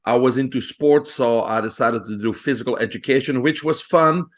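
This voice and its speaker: A man in his fifties from Belgium with a Belgian accent, a guest on an interview podcast, telling his life story in a relaxed way with frequent pauses. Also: medium pitch. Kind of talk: conversational interview.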